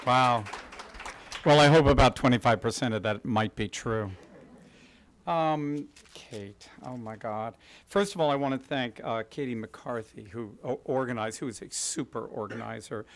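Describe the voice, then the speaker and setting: A man's voice: mid-range voice, unhurried, a little hiss or hum. A middle-aged man from Kansas City giving a prepared talk at a podium in an event hall, gracious and self-deprecating, telling stories in a polished way. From Kansas City, USA. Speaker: guest speaker, interior designer. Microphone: podium microphone.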